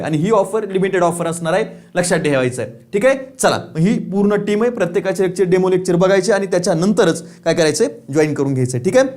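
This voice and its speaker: High-voiced male exam-prep teacher. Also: a little mellow. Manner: asks questions and answers them himself; repeats key points, says "lakshat theva". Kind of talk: online exam-prep lecture.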